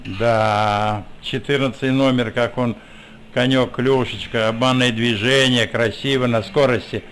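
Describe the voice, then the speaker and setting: Medium-pitched man, halting hockey commentary. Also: fairly even intonation, fairly bright tone. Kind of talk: informal live commentary. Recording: faint rink noise behind voice.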